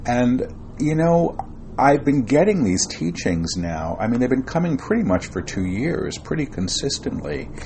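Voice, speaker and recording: A middle-aged man, a spiritual channeler and author, is the guest in a conversational interview about his spiritual work, rambling with frequent fillers and restarts. His mid-range voice has big pitch swings and a darkish tone, and his pace is unhurried. He calls himself shy and reserved, and there's a little hiss or hum on the recording.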